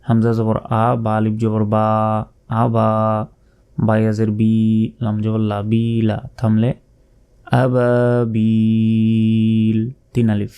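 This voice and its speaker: A man with a mellow, dark voice teaches Quran recitation, breaking each word into its letters and vowel marks. He drills slowly and patiently, pointing out where learners usually go wrong. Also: on the low side, completely flat delivery, clear, resonant tone. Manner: slow, letter-by-letter drilling and correcting common mistakes. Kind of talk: spelled-out Quran pronunciation lesson.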